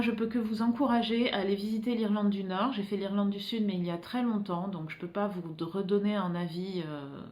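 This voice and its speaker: A woman's voice: mid-range voice, darkish tone, echoey room. A French woman, an illustrator, chatting casually to her viewers in a rambling way, with frequent hesitations and restarts. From France. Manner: rambling, many filler pauses and restarts. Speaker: illustrator vlogger. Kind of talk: casual vlog chat to viewers.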